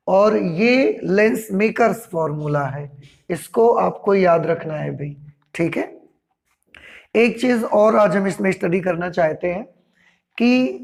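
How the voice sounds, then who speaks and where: A man teaching a physics class, explaining slowly and repeating key points step by step. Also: sits high, creaky, a little mellow. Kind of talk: classroom lecture.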